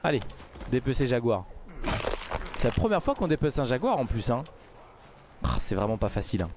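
A man giving casual let's play commentary, mumbling then bursting into loud outbursts. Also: medium pitch, brisk, noisy background. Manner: excitable, swings from mumbling to outbursts. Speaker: gaming YouTuber.

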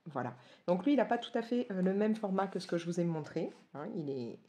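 A woman's voice: on the low side, lively intonation, brisk, mellow. A woman from France in her forties, chatting casually and gushing as she flips through coloring books, with lots of hesitations. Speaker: coloring book reviewer. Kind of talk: casual book flip-through commentary.

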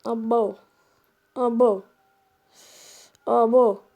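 A woman's voice: fairly high pitch, fairly even intonation, very slow, narrow, tinny audio. A young woman commenting on her own gameplay, exasperated, exclaiming and muttering to herself. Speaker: gaming video creator.

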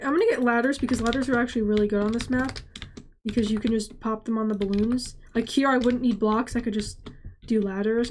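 A woman's voice: on the high side, darkish tone, slight background noise. A woman with a stuffy, congested voice gives casual gameplay commentary, rambling and stammering as she talks to herself. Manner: rambling, stammering self-talk. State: congested nasal voice. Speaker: gaming channel host.

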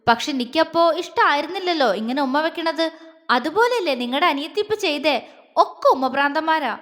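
A woman voicing a sweet, timid, childlike young woman in a storybook reading, with a soft, pleading way of talking. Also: high voice, expressive, brisk. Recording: long echoey reverb.

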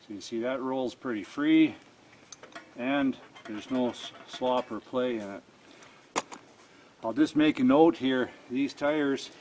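A man of ordinary pitch narrates his own work as he goes, in a plain, practical step-by-step way. He is recorded in a workshop, and the sound of tools and mechanisms comes through clearly around his voice. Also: a little hiss or hum. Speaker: cart builder demonstrating an install. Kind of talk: hands-on how-to demonstration.

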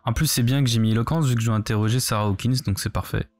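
A man's voice: mid-range voice, steady tone, very fast, darkish tone. Man casually narrating his video game. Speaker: game streamer. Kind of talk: casual let's play commentary, thinking aloud.

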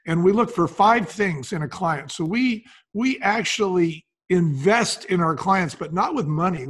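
Speaking as a guest on a podcast, this older business advisor walks through his points conversationally, with casual asides along the way. His voice is a little high, husky, and fairly bright in tone.

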